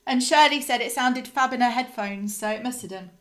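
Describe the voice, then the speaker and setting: A woman's voice: fairly high pitch, a little fast, fairly bright tone. A female band singer chatting casually on a video-call live stream, reading out viewer comments with frequent "um"s. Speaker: lead singer of a soul band.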